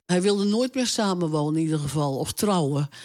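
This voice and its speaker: A woman's voice: low-pitched, lively intonation, fairly quick, darkish tone. An older woman being interviewed, recalling her late partner in a hesitant, plain-spoken way with many fillers. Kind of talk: casual reminiscing conversation.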